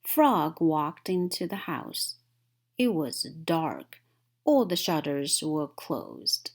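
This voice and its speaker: Slow, expressive woman reading a storybook. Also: sits low. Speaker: storybook reader. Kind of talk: scripted children's story narration.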